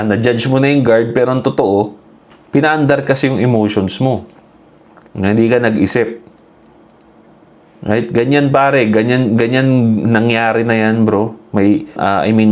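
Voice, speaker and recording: A man from the Philippines giving casual, animated commentary to his viewers, who he calls "pare" and "bro". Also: on the low side, unhurried. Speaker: vlogger.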